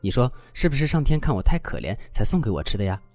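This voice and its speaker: A man's voice: mid-range voice, very animated, fast talker, a little mellow, no room sound, soft background music, lightly acted. A man voicing a coy young woman who sulks, whines and pleads with her boyfriend. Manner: whiny, wheedling, pouty.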